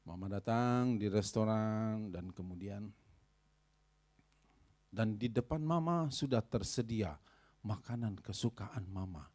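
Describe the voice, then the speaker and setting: A man preaching a sermon as pastor, telling stories and speaking directly to the congregation, rising high and loud at emotional peaks. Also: slow pace, pauses often. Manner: storytelling, addresses congregation directly.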